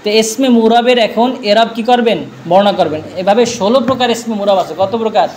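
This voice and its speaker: Male teacher, very high voice, drills by question and answer, faint background noise. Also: fairly quick, darkish tone. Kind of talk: classroom grammar lesson.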